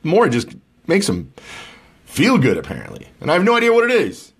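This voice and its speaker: A man's voice: on the high side, wildly swooping pitch, a little fast, fairly bright tone, slightly rough. A man in his forties hosting a casual live show and podcast, talking in a chatty, rambling, jokey way. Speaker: podcast and Facebook Live host. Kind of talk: casual chat.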